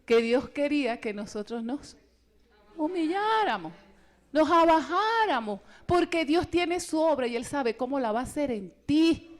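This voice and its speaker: A woman gives a spirited testimony at a church retreat. Her voice sits high. She tells her story with energy and acts out the voices of others along the way. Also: unhurried. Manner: animated storytelling, acting out quoted voices. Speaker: retreat speaker. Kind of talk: personal testimony in a retreat talk.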